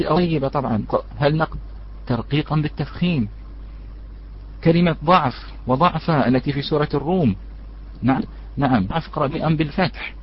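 A man gives a religious lesson on recitation rules, talking with a somewhat high voice. He poses questions to the listeners he calls brothers and then works through the answers. The recording sounds dull and lo-fi. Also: a little hiss or hum. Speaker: Quran recitation teacher.

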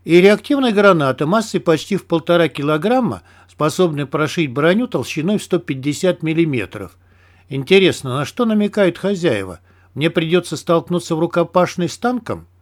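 A man reading a first-person adventure audiobook in a steady, even storytelling manner. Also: on the high side. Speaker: audiobook narrator.

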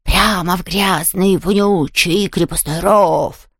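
Playful boastful ghost boy, voiced by a woman, gravelly, very slow drawl, storybook. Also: lowish voice, steady tone, fairly bright tone, no echo, clean studio sound, full character voice. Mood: teasing, sly. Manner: slow, drawn-out wailing voice. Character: mischievous playful male ghost, boastful yet bashful. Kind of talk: audiobook character voice.

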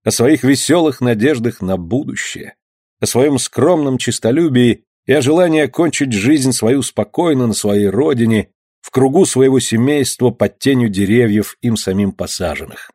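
Mellow male audiobook narrator. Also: mid-range voice, animated, normal speed, no echo, clean studio sound.

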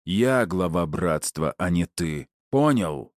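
A man voicing a grim, commanding gang boss who speaks slowly and heavily. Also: deep voice, steady tone, a little mellow, no echo, clean studio sound. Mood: angry. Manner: slow, heavy, barking delivery.

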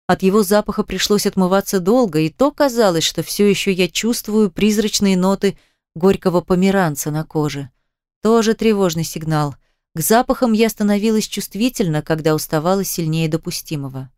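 A woman's voice: medium pitch, normal speed, a little mellow, clean tone, no room sound, clean studio sound. A woman reading a novel aloud in the first person, with a tense, wry delivery. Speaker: audiobook narrator.

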